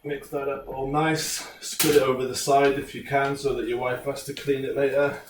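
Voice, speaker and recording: A man's voice: mid-range voice, little pitch movement, moderate pace. British male home cook, chatty and jokey, casual tutorial delivery; roomy, distant recording with faint noise. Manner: laid-back, jokey, chatty. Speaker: home cook presenting a recipe. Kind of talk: casual cooking tutorial chat.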